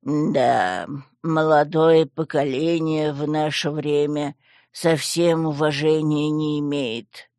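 A man's voice: fairly high pitch, steady tone, darkish tone, dry recording, clean studio sound. A man voicing a grumbling old talking skull. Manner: grumbling, slow and pompous. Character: grumpy old male wizard's talking skull.

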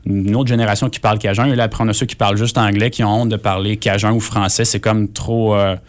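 A man with a Québécois French accent talks through politics in a casual discussion, explaining in a measured, hesitant way. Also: on the low side, flat delivery. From Quebec, Canada.

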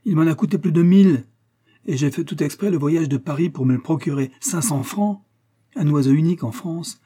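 A man voicing a bitter, hot-tempered nobleman in an audiobook, speaking in vehement, indignant outbursts with a husky, dark voice. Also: on the high side, fairly quick, voice pushed up. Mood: aghast. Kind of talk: audiobook character reading.

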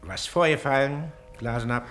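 An actor playing a pompous, authoritarian Prussian baron and district official who questions in a clipped way in a radio play. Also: male voice, mid-range voice, moderate pace, fairly bright tone, lightly acted. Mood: inquisitorial. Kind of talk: theatrical German radio play acting.

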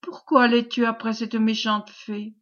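A woman's voice: a little high, little pitch movement, measured pace, lightly acted. A woman reading the lines of a desperate young village girl who pleads through tears, on a dull lo-fi recording. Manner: pleading, sobbing.

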